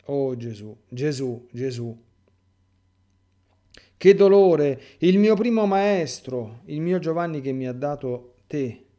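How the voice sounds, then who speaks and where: A man's voice: fairly high pitch, expressive, slow, mellow. A man reading aloud as a young apostle who is weeping with grief and fear, pleading in a raised, urgent voice. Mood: fearful, weeping.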